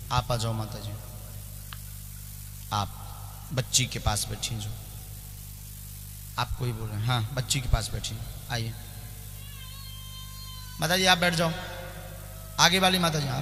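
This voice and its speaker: A man's voice: mid-range voice, pushed and bright, long reverb tail, slight background noise. A man leading a religious court session, bluntly directing the devotees before him. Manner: commanding, directs the crowd bluntly. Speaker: spiritual leader addressing devotees.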